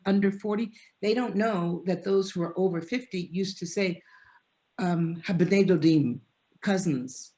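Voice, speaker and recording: Speaking over a video call as a guest on an online panel, a woman professor gives a lecture-style answer. Her voice sits on the low side with a warm tone, and her delivery is earnest and discursive, full of restarts.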